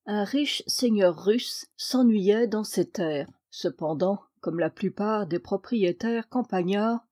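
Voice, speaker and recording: A woman narrates a classic tale as an audiobook, measured and clear. Her tone is mellow and warm, at an ordinary pitch for a woman.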